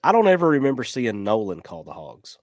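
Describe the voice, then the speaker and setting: Animated, dry-sounding man chatting casually. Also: medium pitch, brisk, no room sound. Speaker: sports podcast co-host. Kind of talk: casual chat.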